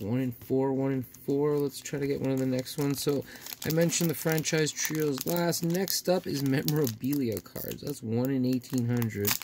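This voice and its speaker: A man with a gravelly voice giving casual, folksy unboxing commentary as a host talking to his viewers. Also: medium pitch. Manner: folksy, often addressing viewers. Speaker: host of a card pack opening video. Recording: faint noise with crinkling wrappers.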